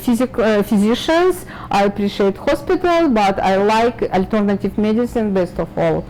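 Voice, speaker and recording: A woman's voice: fairly high pitch, animated, darkish tone, poor audio. Middle-aged woman from Kazakhstan, heavy Russian accent, hesitant guest speaker with many fillers, faint room noise behind. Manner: halting, searching for words, many fillers. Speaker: guest doctor. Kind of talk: casual interview chat.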